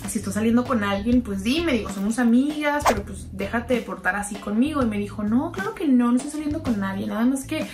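A woman's voice: fairly high pitch, animated, quick pace, few pauses, over music. A young woman telling a gossip story in a chatty, confiding way, as if talking to a close friend. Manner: chatty, confiding, keeps calling the listener "sister". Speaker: storytime narrator. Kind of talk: gossipy storytime narration over a slime video.

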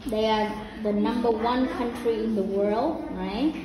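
A woman's voice: fairly high pitch, steady tone, unhurried. Patient woman teacher. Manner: patient, repeats and rephrases questions. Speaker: English teacher. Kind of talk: spoken English practice interview. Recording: echoey room with crowd noise.

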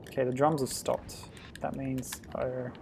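A man casually commenting on a retro game as he plays, thinking aloud with sudden loud exclamations. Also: medium pitch, level tone, a little slow, vocal fry, noisy background. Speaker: streamer.

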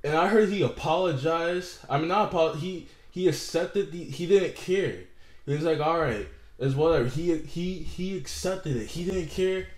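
Young guy yelling a rant at his camera, swears a lot, kinda high voice, echoey room. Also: moderate pace. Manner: heated, profane, repeating himself. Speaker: vlogger.

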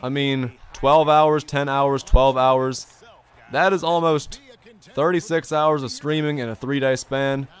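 His mid-range voice is clear and resonant, with fairly even intonation and a measured pace. He's a young adult gaming streamer in a bedroom setup, cheerfully reading his chat during a basketball video game and repeating his phrases. Extended streaming has left his voice a bit strained.

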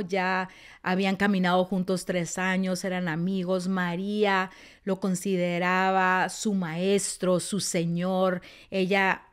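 Expressive woman teaching the Bible. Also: on the low side, clear, resonant tone. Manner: expressive storytelling, often dropping to a soft, quiet tone. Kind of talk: teaching sermon.

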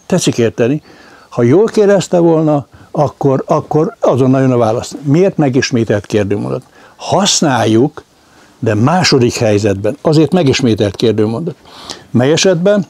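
A man's voice: mid-range voice, darkish tone, no room sound. Dry-voiced male speech lecturer. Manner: demonstrates question intonation with sample sentences.

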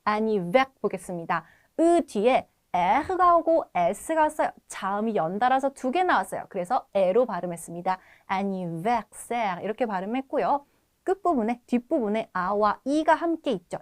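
Lively woman teaching a language lesson. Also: on the high side. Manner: lively, bright teacher tone, slowly models French phrases for repetition.

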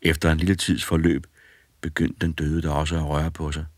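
A man narrates a fairy tale in a very deep, calm and measured voice. The recording is dry and close, with no room sound at all. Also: no room sound.

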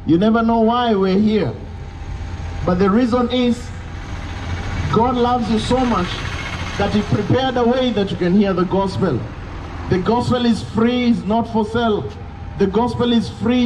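On a roadside pavement in Kenya, a young man with a very high voice preaches insistently into a handheld mic running through a portable speaker. It is open-air street preaching captured from a distance, so traffic noise surrounds him.

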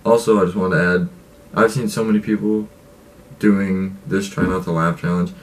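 A man's voice: low voice, steady tone, moderate pace, distant mic, slight background noise, rough recording. A young man giving casual commentary as the host of a reaction video, recorded in a bedroom. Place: small bedroom, indoors.

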